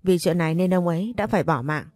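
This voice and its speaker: A woman's voice: lowish voice, quick pace, a little mellow, no echo, clean studio sound, soft background music, lightly acted. A woman voicing a cold, cruel male husband in an audio story, speaking with sneering contempt.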